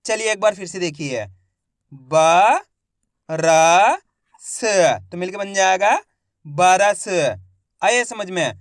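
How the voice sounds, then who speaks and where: A man's voice: high-pitched, lively intonation, a little slow, a bit bright, no echo, studio quality. A man teaching a reading lesson step by step, sounding out each word syllable by syllable, repeating it and asking his viewers quiz questions. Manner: addresses viewers as friends, asks quiz questions.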